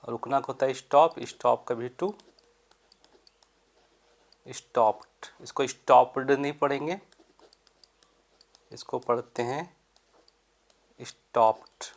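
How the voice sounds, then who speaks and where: Slow, deliberate man teaching grammar. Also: medium pitch, vocal fry. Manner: explains step by step, asks questions and answers them himself; reads the English sentences slowly and deliberately. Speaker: English teacher. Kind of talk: Hindi-medium English grammar lesson.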